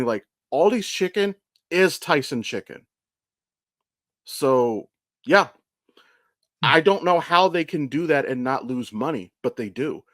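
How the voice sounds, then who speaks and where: A podcast co-host, an American man who may be in his thirties, speaks in a mid-range, fairly bright voice. His casual rambling is informal and full of swearing and stop-start self-corrections. The studio sound is clean and echo-free.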